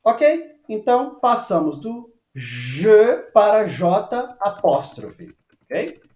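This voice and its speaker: A man teaching a French lesson, patiently checking with "ok?" and slowing down to model phrases. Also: high-pitched, very animated, a little mellow. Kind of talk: online language lesson. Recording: echoey room.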